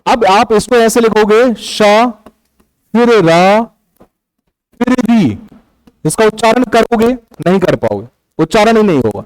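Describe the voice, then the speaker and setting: A man's voice: high-pitched, animated, a little slow, pauses often, no room sound, poor audio. A young man teaching a class, patiently explaining step by step and counting syllables aloud. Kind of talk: classroom lecture on Hindi prosody.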